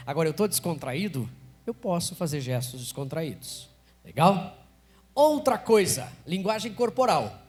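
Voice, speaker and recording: A Brazilian man teaching public speaking live to an event audience, energetic, constantly quizzing the room. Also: sits high.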